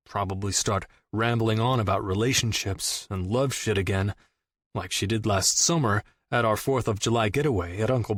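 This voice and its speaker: A man's voice: mid-range voice, no room sound. Guy reading a rom-com audiobook, laid back and cheeky, swears a lot, dry close sound. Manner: casual, wry, profane. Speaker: audiobook narrator. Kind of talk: first-person romantic comedy narration.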